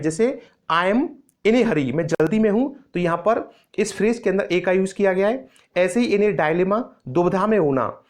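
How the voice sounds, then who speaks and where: A woman teaching an English grammar lesson in Hindi, patiently repeating each example phrase slowly. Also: medium pitch, darkish tone.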